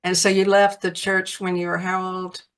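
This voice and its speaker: A woman's voice: fairly low pitch, level tone, normal speed, clear, resonant tone. Chatty Southern woman interviewer. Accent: Southern American. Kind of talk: casual interview.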